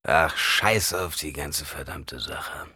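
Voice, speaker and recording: A man voicing a drunk, surly male swordsman in an audiobook reading, with a slow, spiteful drawl. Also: extremely low pitch, bright, forceful tone, slightly rough, dry recording, clean studio sound, pitched below the performer's own voice, full character voice.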